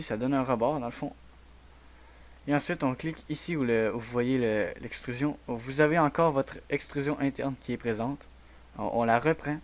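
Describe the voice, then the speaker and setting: A man with a Québécois French accent hosting a software tutorial, talking quietly and hesitantly with many fillers. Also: mid-range voice. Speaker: tutorial host. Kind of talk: screen-recorded software tutorial.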